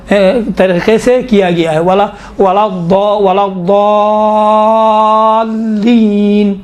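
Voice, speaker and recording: A middle-aged man teaching a class on Quran recitation. He explains step by step and slowly recites and repeats verses to show how they are said. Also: sits high, darkish tone. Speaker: tajweed teacher.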